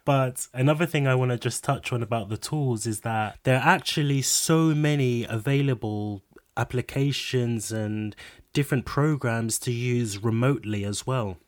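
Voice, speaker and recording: A man hosting a casual talk, relaxed and conversational, who fills his sentences with "like". His pitch is ordinary for a man. The sound is close and dry. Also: moderate pace, no room sound. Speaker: host. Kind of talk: casual chat.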